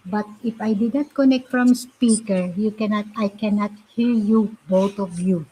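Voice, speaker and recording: A woman chatting casually in halting, non-fluent English, often repeating herself. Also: mid-range voice, warm tone, slightly rough, poor audio. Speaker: live stream host. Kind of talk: casual chat. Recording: faint background noise.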